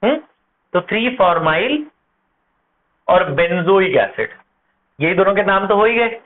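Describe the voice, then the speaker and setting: A man teaching chemistry at a board, asking his class questions and answering them himself, slowing down to spell out compound names. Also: high-pitched, animated. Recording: tinny phone-like audio with faint noise.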